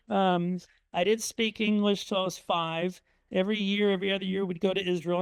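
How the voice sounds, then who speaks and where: A high, clean-toned male voice belongs to a middle-aged author from Indiana presenting a storytelling talk with slides at a museum. He recounts family anecdotes conversationally, with frequent ums and uhs, and the recording carries no room sound.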